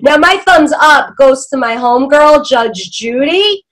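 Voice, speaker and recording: Host, female, New York accent, high voice, brash chatty panel banter. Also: expressive, a little slow, fairly bright tone, low-quality recording. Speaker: talk show host. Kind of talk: casual panel chat.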